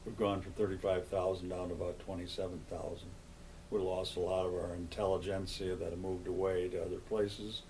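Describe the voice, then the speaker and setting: A man's voice: low voice, level tone, brisk, a little mellow, slight background noise, rough recording. An older man, speaking in a plain-spoken, conversational way as the interviewee in an oral history interview. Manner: plain-spoken, conversational, poses and answers own questions. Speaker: interviewee, longtime local resident.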